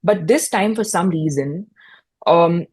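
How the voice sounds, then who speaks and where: A young Indian woman, herself a mental health podcast host, appears as a guest in a fireside chat, reflecting on her own experiences in a personal, storytelling way with frequent restarts. Her voice is on the low side, slow, a little mellow, with a breathy edge.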